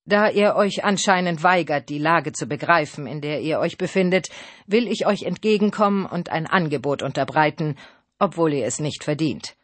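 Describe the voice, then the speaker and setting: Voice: mid-range voice, moderate pace, a bit bright, no room sound, close to an everyday voice. Stern victorious nobleman for an audiobook, voiced by the reader, declaiming, dry. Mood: commanding. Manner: proclamatory, formal. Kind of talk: audiobook reading.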